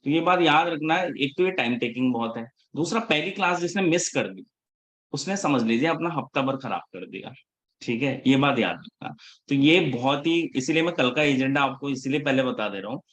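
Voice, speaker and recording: A man teaching a live class in a relaxed mix of Hindi and English, checking in with his students after almost every point. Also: medium pitch, a little fast. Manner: casual Hinglish teaching, checks in often with the class; scolds students about attendance. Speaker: instructor.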